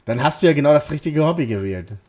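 A man's voice: fairly high pitch, animated, fast, darkish tone, slight background noise. A man giving rambling, joking let's play commentary at home, talking back to the game. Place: at home, lawnmower outside.

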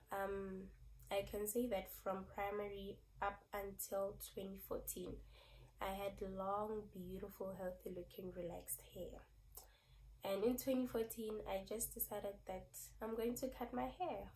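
A woman's voice: mid-range voice, darkish tone, slight background noise, low-quality recording. Chatty young woman vlogger with a cold. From South Africa. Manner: chatty, repeats thanks, says "yo" and "like". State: has a cold, slightly squeaky voice. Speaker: beauty vlogger. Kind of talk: casual vlog talk to camera.

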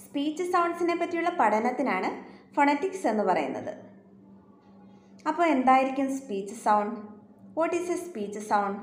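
A woman teacher with a Malayalam accent gives a recorded lecture, switching to slow, careful English for each definition. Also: sits high, sing-song. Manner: slow, deliberate reading of English definitions between Malayalam explanation. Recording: echoey room, faint background hiss.

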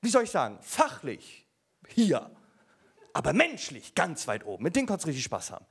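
A man's voice: a little high, huge pitch swings, a little fast, creaky, slightly rough. A man doing a stand-up comedy set, telling stories in a brash, slangy way. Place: comedy stage. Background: audience laughter.

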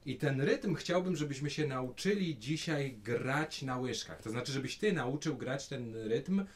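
Lively, patient male music teacher. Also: medium pitch, unhurried. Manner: patient, encouraging, explains step by step. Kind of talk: children's music lesson.

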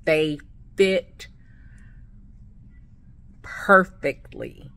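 A woman with a slight lisp, speaking with new veneers in an excited, gushing casual vlog to her viewers. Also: deep voice, drawn-out words, vocal fry. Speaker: vlogger. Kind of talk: casual product review vlog.

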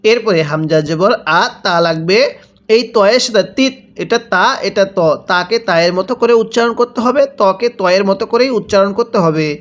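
A man with a notably high voice leads a Quran reading lesson. He spells out each letter and vowel, stretches the long syllables, and keeps telling the learner to read along with him. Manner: slow, drawn-out syllables with repeated prompts to read along.

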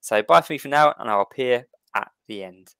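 A man's voice: mid-range voice, expressive, brisk, creaky, a bit bright, clear, resonant tone, no echo. A man hosting an online history talk, chatty, often repeating words and restarting as he welcomes people. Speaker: host.

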